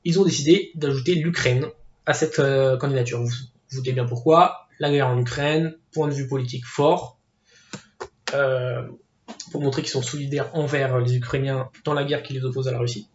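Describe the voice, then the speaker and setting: With a mid-range voice, a steady tone, and normal speed, this man of Portuguese heritage shares offhand football takes as a video commentator, stumbling through fillers and restarts. The echoey, dull lo-fi recording carries a little hiss or hum.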